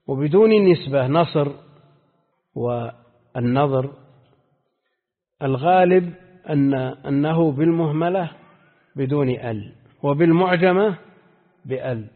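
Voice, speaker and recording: A husky male sheikh gives a classical teaching lesson, repeating lines of verse and putting questions to his students. His voice comes through thin and phone-like, with a long reverb trailing behind it. He has a middle-pitched, steady tone. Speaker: sheikh teaching hadith terminology.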